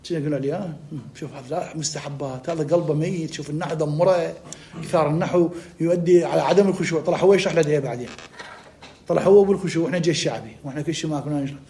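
A man with an Iraqi accent teaching an Arabic grammar lesson. He reads text slowly, asks questions and answers them himself. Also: a little high, dark tone, a little hiss or hum. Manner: reads text slowly, then talks fast in dialect.

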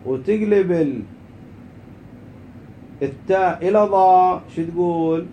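A man giving an informal grammar lesson, stretching out key words slowly and then rushing through quick asides. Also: high-pitched, lo-fi sound, a little hiss or hum. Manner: slow and emphatic on rule words, quick asides. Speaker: Arabic grammar teacher.

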